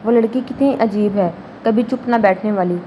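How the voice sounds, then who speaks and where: A lovestruck male professor muses softly to himself, as a woman narrator reads him. The tone is dark and mellow. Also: medium pitch, slight background noise, lightly acted. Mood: dreamy. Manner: musing quietly to himself.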